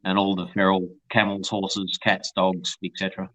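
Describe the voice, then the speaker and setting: A man's voice: sits low, completely flat delivery, moderate pace, pushed and bright. A man heard over a conference call, explaining at length with many ums and uhs. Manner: long explanations, frequent uh and um. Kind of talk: casual chat. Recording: dull lo-fi call audio.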